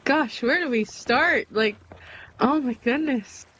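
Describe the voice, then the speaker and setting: A woman gushes with delight as she plays through a game alongside a friend. Her voice sits high, and she lets her words stretch out slowly. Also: slightly rough, poor audio. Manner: gushing, excitable. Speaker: co-player. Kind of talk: casual gameplay chat.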